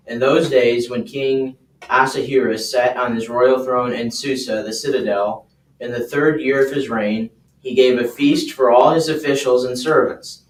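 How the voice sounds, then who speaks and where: A man reads scripture aloud to a class in a steady, measured voice and throws in short asides. His voice is of middling pitch. He sits away from the microphone, so the room's echo wraps around him. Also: far from the mic. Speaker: class helper and scripture reader. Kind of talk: reading scripture aloud and chatting. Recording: roomy sound, away from the mic.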